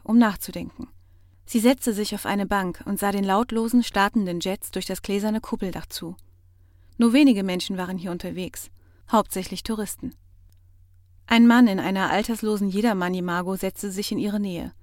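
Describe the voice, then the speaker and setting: A woman's voice: medium pitch, a little mellow, no echo. Woman narrating an audiobook, dry sound. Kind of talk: scripted narration.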